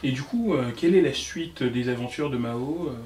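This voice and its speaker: A man interviewing a guest in a relaxed, jokey way, with fillers. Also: mid-range voice, normal speed, slight background noise. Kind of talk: casual interview questions. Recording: roomy, distant mic, faint ambience.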